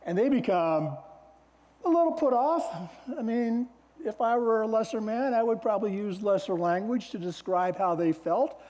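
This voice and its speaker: A man preaching a sermon as pastor, in a relaxed, conversational storytelling way. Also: high voice, moderate pace. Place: church sanctuary. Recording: long church hall reverb.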